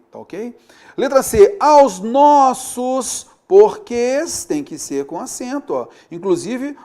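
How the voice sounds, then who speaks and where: A man's voice: sits high, darkish tone. A man teaching a recorded grammar lesson, chatting with students and checking in with them constantly.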